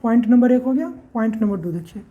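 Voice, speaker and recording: A woman's voice: a little high, fast talker, phone-quality sound. A woman teaching English pronunciation, spelling words out letter by letter and asking herself questions before answering them. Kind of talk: classroom-style lesson.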